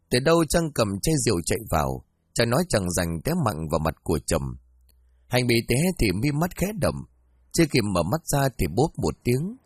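A man narrating a village short story in an expressive reading voice. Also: on the low side, dry recording, clean studio sound. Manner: expressive, rising and falling reading.

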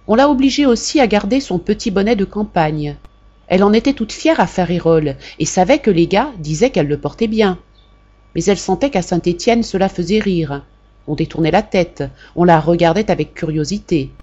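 A woman narrating an audiobook in a measured, expressive reading. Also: on the low side, dull audio. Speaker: audiobook reader. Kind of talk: scripted narration.

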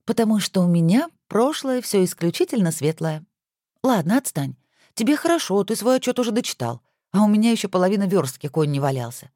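A reader voicing a sharp-tongued young wife who teases her husband in mock-stern tones, in a storybook reading. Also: medium pitch, big pitch swings, fairly quick, no room sound, studio quality, voice pushed up.

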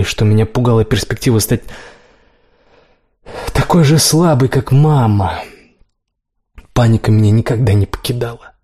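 A man reading a first-person romance novel aloud, slow and measured. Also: medium pitch, a little mellow, breathy edge. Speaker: audiobook reader.

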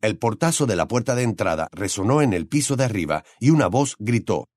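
A man narrating an audiobook in an expressive storytelling style. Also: on the low side, fairly quick, dry recording, clean studio sound.

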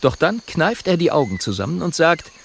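A man narrating a children's audiobook in an expressive, measured way. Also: on the high side, vocal fry, a little hiss or hum.

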